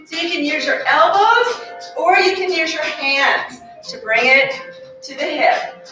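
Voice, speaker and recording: A woman's voice: high voice, expressive, measured pace, sharp tone, recorded from a distance. A woman fitness instructor leading an exercise class in a carpeted studio, cueing moves while exercising and slightly out of breath. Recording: very echoey room, voice off-mic, faint music.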